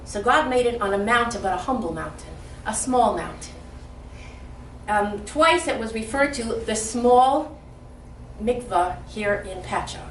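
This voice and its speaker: Speaking slightly slowly in a voice on the high side, this older Detroit woman is the guest speaker at a community event. She is lively, funny and sincere, and the recording catches her from a distance in an echoing hall with faint noise.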